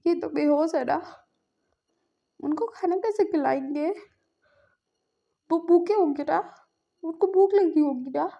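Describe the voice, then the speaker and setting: A woman's voice: high-pitched, unhurried, gravelly, long pauses, voice pushed up. A woman voicing a distraught young man who pleads tearfully and repeats himself at a sickbed. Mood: worried. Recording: dull lo-fi recording.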